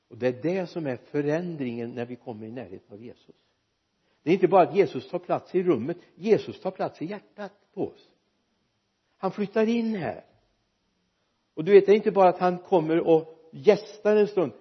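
A man preaching a sermon in a church, lively and joking with the congregation. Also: a little high, husky, highs cut off. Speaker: pastor.

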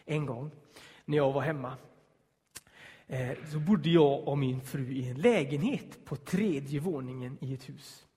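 Speaking in a mid-range voice in a large hall, a man recounts a personal story. He drops to a hush when the tension rises and performs the voices of the people he quotes.

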